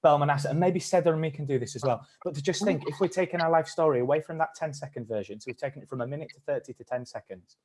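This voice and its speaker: Talking very fast with barely a pause, this man has a fairly high yet darkish voice. As workshop leader of a live-streamed acting session, he stays positive and supportive while guiding the participants.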